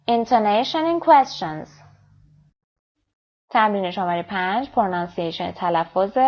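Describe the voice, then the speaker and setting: A woman teaching an English lesson. She reads the English example lines slowly and clearly, then explains them quickly in her own language. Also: mid-range voice. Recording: dull lo-fi recording.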